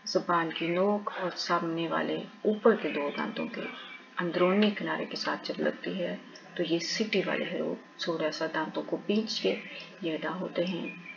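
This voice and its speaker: Woman teacher, unhurried and low-pitched, drilling letter sounds patiently, slightly dull recording with faint hiss. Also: fairly even intonation, creaky. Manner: patient, repeats each letter aloud several times. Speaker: Quran recitation teacher.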